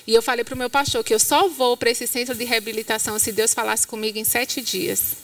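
Preaching at a church conference, a woman with a Brazilian Portuguese accent tells a story and acts out its characters' voices with lively flair. Her voice is fairly high and a bit quick, captured dry and without echo from some distance in a church hall.

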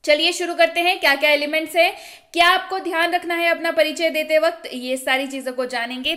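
A young woman from India teaches spoken English in an online video lesson, talking over slides in a high, bright voice. She poses questions and answers them herself, repeating every example slowly.

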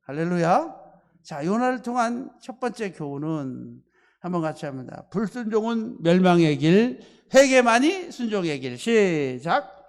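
Korean pastor guy preaching, kinda high voice, acts out the story, big church echo. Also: a little slow. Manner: animated storytelling, acting out the figures' lines; calls on the congregation to repeat after him. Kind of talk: sermon. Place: church sanctuary.

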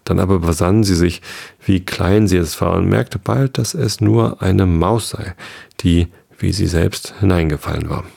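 Deep, gravelly bedtime storyteller man. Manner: slow, calm reading aloud. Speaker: podcast host.

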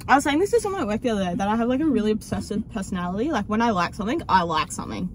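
A young Australian woman, a YouTuber host, chats casually with a friend over a headset mic. Her medium-pitched voice is animated and racing as she rambles, restarts sentences and swears freely, with a little hiss or hum in the recording.

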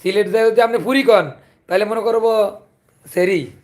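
A man's voice: sits high, fairly even intonation, normal speed. A man from Chandpur, Bangladesh, with a Chandpur Bengali accent, hosting a casual livestream and chatting with viewers. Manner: chatty, greets viewers and asks for comments. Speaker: livestream host. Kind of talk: casual live chat with viewers.

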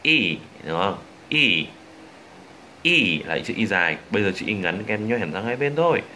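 A young man from Vietnam with a Vietnamese accent, teaching English pronunciation and slowly demonstrating and repeating drill words. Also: lowish voice, very animated, sharp tone, slight background noise.

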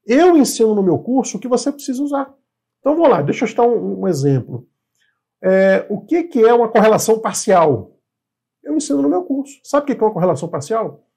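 A man's voice: sits high, sing-song, fast talker, gravelly, warm tone, slightly rough. A man in his fifties from Brazil, an appraisal instructor giving an informal online lesson, asking and answering his own questions. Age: 50s. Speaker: real estate appraisal instructor.

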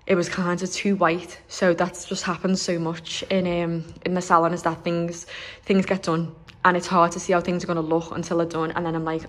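A young woman from Liverpool, a nail salon owner, chatting excitedly with lots of fillers as she films a walkthrough of her salon under renovation on her phone. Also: lowish voice. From Liverpool, England. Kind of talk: walkthrough vlog.

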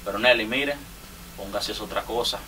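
A man with a Dominican Spanish accent jokingly roasts fellow artists in a rambling, teasing monologue, laughing often. His voice is fairly low, brisk and sharp, picked up by a distant mic with faint ambience and slight background noise.

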